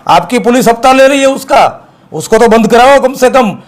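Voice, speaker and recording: A man from Gujarat, an activist guest, speaking forcefully and accusingly in a heated interview, repeating his points. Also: very high voice, lively intonation, moderate pace.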